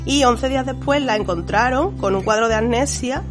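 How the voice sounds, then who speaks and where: A woman's voice: on the high side, normal speed. A woman with a Spain accent and a cold-congested voice, explaining things in casual chat as a radio book columnist. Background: music behind the voice.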